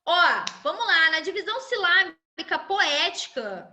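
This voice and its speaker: Bright high-voiced woman teacher. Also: a little slow, a little hiss or hum. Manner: chatty, animated, frequent tag questions. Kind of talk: live class lecture.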